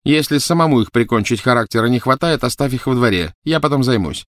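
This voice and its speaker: A man narrating a storybook voices a fierce, half-mad witch: a shrill, frantic, cruel woman who barks commanding orders in a raised, strained voice, hissing and rising to shrieks. His voice is medium-pitched, expressive, quick and a bit bright, pushed up yet close to an everyday voice, in a dry, close recording.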